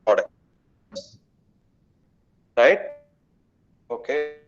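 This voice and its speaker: A man explaining code on a video call, his audio breaking up and choppy, in a slow, halting way. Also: medium pitch, sing-song, lo-fi sound. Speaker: programming instructor.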